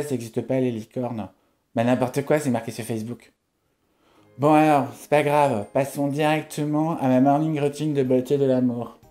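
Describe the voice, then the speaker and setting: Parody vlog influencer, played by a man: female, ditzy, affected, money-loving, mellow tone, light music underneath. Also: medium pitch, pitched above the performer's own voice, natural voice. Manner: affected, airheaded, hesitant. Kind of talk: parody beauty vlog sketch.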